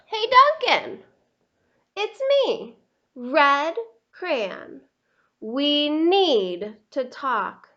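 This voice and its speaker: A woman's voice: high-pitched, sing-song, drawn-out words, long pauses, sharp tone, muffled recording, full character voice. A woman voicing an overworked, fed-up male red crayon with emphatic complaints in a storybook read-aloud. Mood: fed up, complaining.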